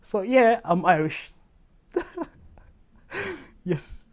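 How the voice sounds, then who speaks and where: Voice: medium pitch, very slow. A young adult from Tanzania telling stories in a personal interview, laughing often and acting out dialogue. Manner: lively storyteller, laughs often, acts out quoted dialogue.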